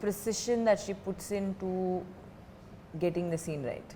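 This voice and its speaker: Woman guest, mid-pitched, dry humour, casual chat; roomy reverb. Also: drawn-out words, mellow. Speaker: actress guest. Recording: roomy reverb, faint background noise.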